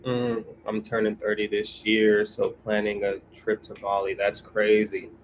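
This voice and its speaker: A man's voice: lowish voice, monotone, unhurried, dull audio, a little hiss or hum. A man from California in casual livestream chat, laid-back and slangy, reading viewer comments aloud and answering them. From California, USA.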